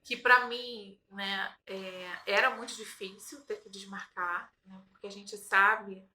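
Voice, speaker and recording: A woman's voice: mid-range voice, fairly even intonation, takes it slowly, pushed and bright, a little hiss or hum, poor audio. A woman hosting a casual conversation, a mother who talks reflectively and ends many phrases with tag questions. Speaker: host.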